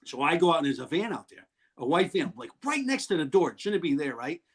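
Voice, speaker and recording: A man telling wild stories in an animated way, loudly acting out what people said and laughing often. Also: a little high, fast, breathy edge. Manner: excitable, acts out quotes loudly, laughs often. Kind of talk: animated storytelling.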